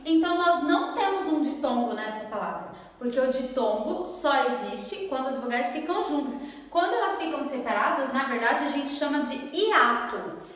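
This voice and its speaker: A Brazilian Portuguese-speaking woman teaching a lesson at the board, friendly and patient, drawing words out slowly as she spells them. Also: sits high, animated, fairly bright tone. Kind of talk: classroom lesson at a whiteboard. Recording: echoey room, voice from far off.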